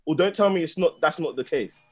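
A man's voice: a little high, a little fast. A young man with a London street accent and slang, arguing insistently in a heated football debate, repeating himself and cutting in. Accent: London, urban street slang. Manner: argumentative, insistent, repetitive, interrupting.

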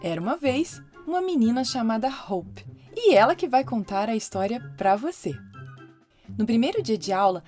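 A woman hosting a children's podcast, narrating a story in a lively storytelling voice. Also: fairly high pitch.

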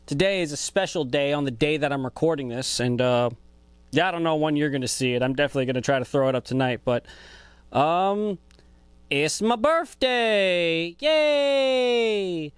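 Brief: podcast host, man, twenties, laid-back and profane, slightly high voice, dry close sound. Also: expressive, normal speed, clean tone, no echo. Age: 20s. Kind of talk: casual podcast monologue.

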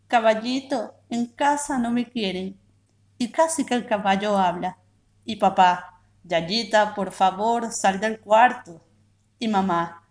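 Woman reading a story aloud, bright voice. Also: on the high side. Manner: measured and expressive. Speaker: reading promoter.

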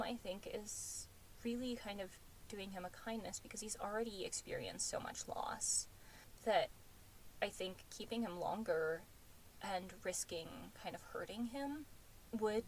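A woman's voice: medium pitch, unhurried, a little hiss or hum, poor audio. A woman co-hosting a podcast, recapping a reality dating show in casual chat full of fillers. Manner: chatty, many fillers like "um" and "like". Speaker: podcast co-host.

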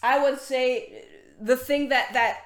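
Woman preacher, high voice, earnest sermon, repeats herself, roomy echo. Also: fairly even intonation. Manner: earnest, repeats words, quick asides. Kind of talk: sermon with Bible reading.

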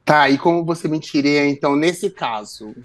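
A man's voice: on the high side, moderate pace. A man with a Brazilian Portuguese accent, hosting a podcast in casual chat, addressing listeners and often stumbling over repeated words. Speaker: podcast host.

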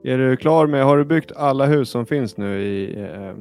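A man's voice: medium pitch, darkish tone, faint music behind. A man co-hosting a casual gaming podcast, often laughing and asking teasing questions. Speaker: podcast co-host.

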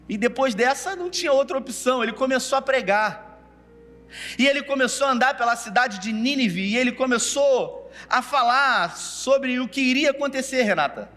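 Man, preacher, sermon, very high bright voice, hall reverb. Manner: storytelling preacher, addresses listeners by name.

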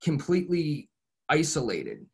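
A man's voice: on the high side, wildly swooping pitch, a little slow, vocal fry, slightly rough. Earnest young man sharing his story. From Ohio, USA. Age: young adult. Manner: earnest, reflective storytelling with frequent restarts and "you know". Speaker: podcast guest. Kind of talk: casual podcast interview.

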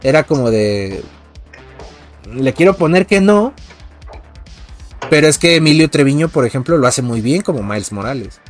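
A man's voice: medium pitch, animated, moderate pace, long pauses, soft background music. A man hosting a casual podcast discussion, talking hesitantly and hedging with fillers.

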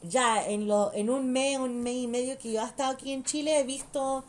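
A woman's voice: sits high, fairly even intonation, moderate pace, a little mellow, slight background noise. A mother chatting casually and bluntly, swearing freely and switching between languages mid-sentence. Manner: blunt and profane. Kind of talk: casual chat.

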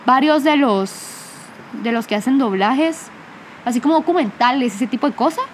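High-pitched guatemalan woman, chill podcast chat, says vos a lot. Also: noisy background. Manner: chatty, quick to laugh, uses vos forms. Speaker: podcast co-host.

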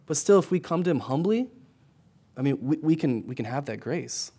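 A man's voice: on the high side, lively intonation, moderate pace, mellow, slightly rough. A middle-aged man, a pastor, preaching a sermon in a conversational way, often adding "right?" and restarting his words. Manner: conversational preaching with frequent tag questions.

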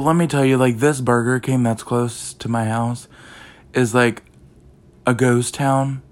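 Young male podcast host, casual rambling delivery, slow and monotone. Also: medium pitch. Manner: rambling, heavy use of "like" and "um". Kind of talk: casual chat.

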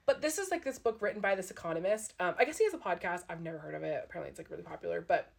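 A woman's voice: on the low side, expressive, very fast, vocal fry. A young woman recorded in an attic, chatting casually and self-deprecatingly as a podcast co-host, with "like" peppered through her talk. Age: young adult. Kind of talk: casual personal chat.

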